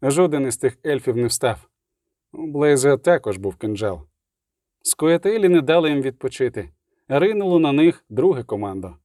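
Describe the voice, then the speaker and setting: A man reading an audiobook with steady, even storytelling. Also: mid-range voice, normal speed, no echo, studio quality. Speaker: audiobook narrator. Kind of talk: audiobook narration.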